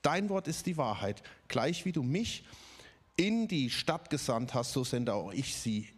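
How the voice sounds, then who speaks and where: A man's voice: mid-range voice, sing-song, a little slow, slightly rough. A man from the Stuttgart region preaching a conversational sermon, with many fillers and little tag questions. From Ludwigsburg area, Germany.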